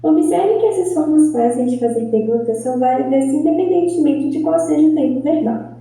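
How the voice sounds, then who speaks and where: High, mellow woman reading a lesson. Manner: careful, measured reading. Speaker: student reading the lesson text. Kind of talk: reading a lesson text aloud. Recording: echoey, distant, dull sound.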